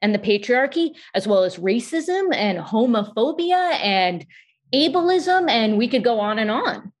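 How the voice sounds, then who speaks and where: A woman from the United States with a New York accent, hosting a podcast in quick, animated casual conversation and laughing often. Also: fairly high pitch. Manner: fast, animated talker who laughs often. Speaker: podcast host.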